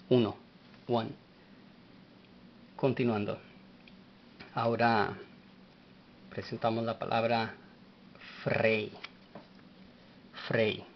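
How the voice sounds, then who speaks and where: A man teaching a language lesson, speaking slowly and spelling words out letter by letter. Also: on the low side, muffled recording, slight background noise.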